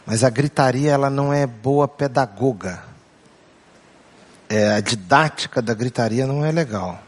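A man's voice: medium pitch, normal speed, slightly rough. A man with a Brazilian Portuguese accent, a pastor giving a humorous sermon, joking with the congregation and repeating his key points. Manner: playful, acts out family voices and jokes with the crowd; asks the congregation questions and repeats key phrases.

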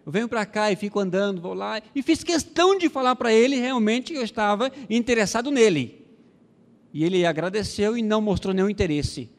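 In a large hall, a high-pitched Brazilian man, a missionary pastor, gives a testimony during a sermon. He acts out the dialogue, pausing often and using many fillers.

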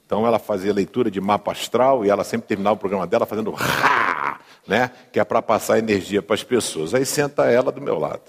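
A man's voice: on the low side, a little fast, gravelly, husky. A male pastor with a Brazilian accent preaching a sermon in a humorous, conversational way, often asking the congregation questions. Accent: Brazilian Portuguese. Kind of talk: sermon with storytelling. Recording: long hall reverb.

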